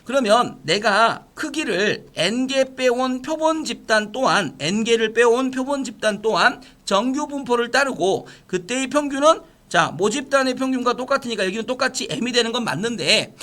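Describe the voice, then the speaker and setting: A man's voice: very high-pitched, lively intonation, moderate pace, few pauses, bright, forceful tone. A male math teacher giving a lecture, explaining step by step and often asking his students check-in questions.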